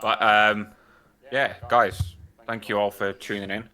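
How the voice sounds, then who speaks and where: Bright, forceful, lowish-voiced man. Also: little pitch movement, unhurried, rough recording. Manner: blunt, sweary. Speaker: host. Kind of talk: casual banter on a livestream.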